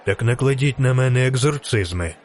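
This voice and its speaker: A man doing a calm, ironic barber. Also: medium pitch, a little fast, natural voice. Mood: cold. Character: calm courteous male barber, cool and ironic.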